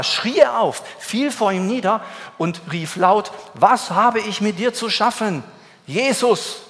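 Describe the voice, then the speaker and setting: A man's voice: a little high, a bit bright. A man preaching a sermon in German, reading scripture aloud and speaking emphatically, rising sharply when he voices the quoted cries. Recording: long hall reverb.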